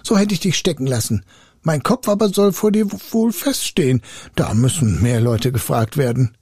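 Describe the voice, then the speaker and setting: A man's voice: medium pitch, breathy edge, no echo, clean studio sound, pitched above the performer's own voice. Man doing a cheeky, fearless young lad. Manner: quick, lively, unafraid. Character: fearless, cheeky young male woodcutter's son.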